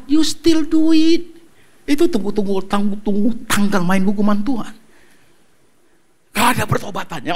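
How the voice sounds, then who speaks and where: A male pastor preaching a sermon in an animated, joking way, mixing English into his talk. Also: high-pitched, vocal fry.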